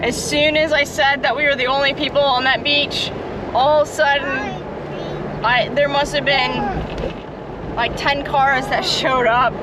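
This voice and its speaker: A woman's voice: high-pitched, flat delivery, unhurried, noisy background. A woman filming a casual family vlog outdoors at a beach, chatty and encouraging as she talks to the camera and coaches her kid. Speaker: parent vlogger. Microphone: handheld camera.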